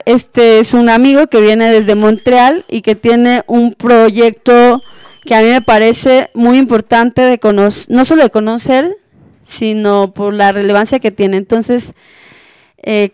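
A woman hosting a podcast, talking in a relaxed, chatty way with many fillers. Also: on the high side, clear, resonant tone, no room sound, clean studio sound. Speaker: podcast host. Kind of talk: casual podcast talk.

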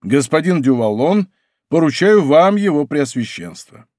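A man voicing a bold young male musketeer who gives quick, commanding orders. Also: a little high, big pitch swings, dark tone, no echo, studio quality. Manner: brisk, commanding.

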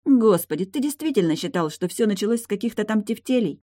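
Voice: mid-range voice, expressive, fast, dark tone, no room sound, pitched above the performer's own voice, lightly acted. A reader voicing a bitter, mocking young woman who was badly injured, sarcastic and cutting in an audiobook dialogue. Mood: scornful.

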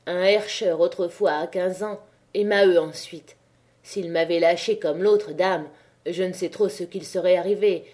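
A woman's voice: medium pitch, warm tone, natural voice. A woman reading an audiobook, voicing a stern, blunt miner's wife of about forty who speaks frankly and unyieldingly.

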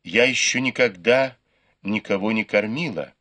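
A man reading the part of a stubborn, sharp-tongued young maid in a storybook. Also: on the low side, moderate pace. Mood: refusing. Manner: scolding, curt.

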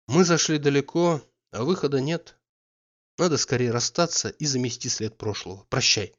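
A man's voice: mid-range voice, normal speed, lightly acted. Guy reading a proud cool young noblewoman in an audiobook, reproachful, kinda dull lo-fi sound. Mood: sad.

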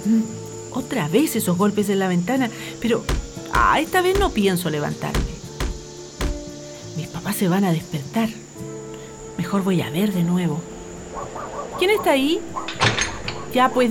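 A woman's voice: mid-range voice, sing-song, a little slow, pauses often, over music. A woman playing a curious, timid young girl in an audio drama, exclaiming and sighing in a wide-eyed manner. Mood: startled, puzzled.

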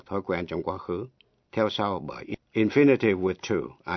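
A man teaching English pronunciation on the radio, slow and deliberate, spelling words out letter by letter. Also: deep voice, husky, no echo. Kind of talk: slow radio language lesson. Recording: dull, lo-fi radio broadcast.

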